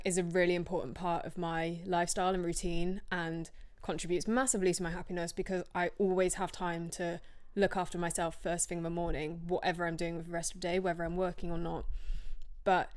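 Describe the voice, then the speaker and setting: A woman's voice: on the low side, clear, resonant tone. A young woman hosting her own podcast, chatting in a rambling, self-deprecating way while tired from little sleep. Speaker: podcast host. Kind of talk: casual solo podcast chat. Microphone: podcast microphone.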